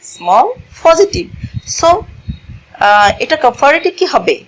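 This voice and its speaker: Woman teacher, slow careful delivery, fairly high voice, asks and answers own questions. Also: sing-song, poor audio. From Bangladesh. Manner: mixes English terms into her explanation. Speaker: English teacher. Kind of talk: classroom grammar lesson.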